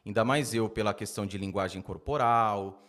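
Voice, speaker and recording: A man hosting a podcast, chatting casually in a slangy, animated way. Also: lowish voice, normal speed. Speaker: podcast host.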